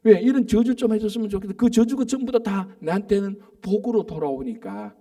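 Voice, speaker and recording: Man, pastor preaching at dawn, warm mellow tone, slightly higher pitch, emphatic, checks for agreement. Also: far from the mic. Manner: emphatic, asks the congregation for agreement; reads verses slowly and deliberately. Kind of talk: dawn service sermon with scripture reading. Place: church.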